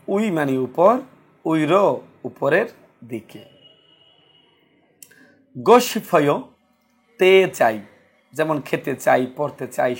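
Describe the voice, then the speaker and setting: A man's voice: fairly high pitch, vocal fry, slightly rough. A man teaching a grammar lesson, asking rhetorical questions and answering them himself. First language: Bengali. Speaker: Korean language teacher.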